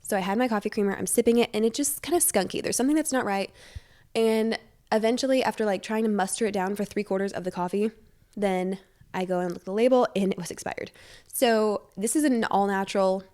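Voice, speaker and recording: A woman's voice: medium pitch, quick pace, mellow. A woman hosting a casual solo podcast from her living room, sounding congested, chatting in a bubbly, rambling, self-deprecating way. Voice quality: stuffy, congested nose. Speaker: podcast host. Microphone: wired podcast microphone.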